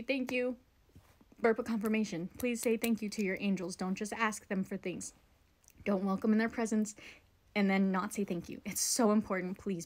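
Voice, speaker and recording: A woman's voice: medium pitch, darkish tone. A young woman hosting a spiritual show, talking casually and rambling, with lots of "like" and "right?" and some casual swearing. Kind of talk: casual spiritual talk to camera.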